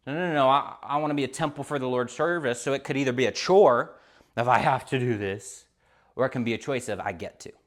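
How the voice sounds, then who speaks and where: A man preaching a sermon as pastor, swinging from loud, emphatic declarations to quiet, conversational storytelling. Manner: preaches loudly with high-pitched emphatic peaks, then drops to quiet storytelling. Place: church stage.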